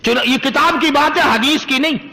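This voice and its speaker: Male preacher, sermon storytelling. Bright, forceful tone in a reverberant hall. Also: very high voice. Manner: rhythmic, repetitive phrasing.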